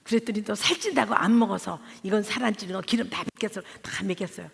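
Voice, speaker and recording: Gravelly-voiced woman preaching in a reverberant hall. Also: mid-range voice, quick pace. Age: middle-aged. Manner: lively storytelling, mimics family members' voices. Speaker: guest speaker, family therapy professor. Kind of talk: humorous sermon with acted anecdotes. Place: large church hall.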